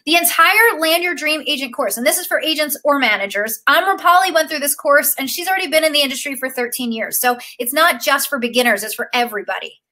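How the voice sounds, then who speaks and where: A young woman with a high, bright voice pitches her coaching course on a live stream. She gushes with emotion and fills her speech with "like" and "um". Her tone is upbeat and she talks straight to her viewers. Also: animated, fast talker, few pauses. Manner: gushing, emotional, filler-heavy with frequent "like". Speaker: acting career coach.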